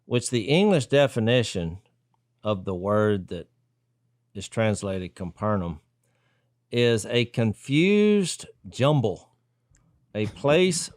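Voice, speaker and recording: A man's voice: mid-range voice, expressive, slow, no echo. Man, casual co-host of a Bible discussion, thinks aloud, acts out quotes, dry studio sound. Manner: thinks aloud, acts out quoted lines with sudden loud jumps. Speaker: podcast co-host.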